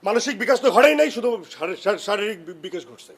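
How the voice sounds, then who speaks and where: A man's voice: high-pitched, animated, very fast, creaky, full character voice. An actor playing an irritable young man neighbour who bluntly scolds the woman next door. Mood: scolding. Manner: scolding, blunt, mixes in English. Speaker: annoyed neighbour, guitar player. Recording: echoey room with music.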